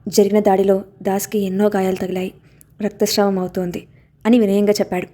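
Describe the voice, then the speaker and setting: A woman narrates a serialized novel in a warm, mellow voice. Her reading is steady and plain, with only a light touch on the characters' lines. Her pitch sits in the middle range. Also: brisk. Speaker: storyteller. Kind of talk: scripted story narration.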